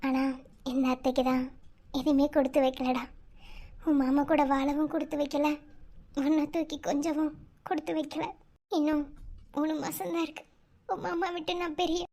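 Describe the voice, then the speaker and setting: A woman's voice: high voice, flat delivery, unhurried, long pauses, mellow. A woman acting an affectionate, saddened young aunt in a drama. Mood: sad.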